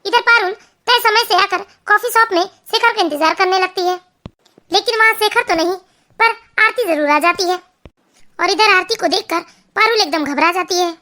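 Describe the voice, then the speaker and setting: A woman narrating a family cartoon story in a steady, plain storytelling way. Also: very high voice, moderate pace.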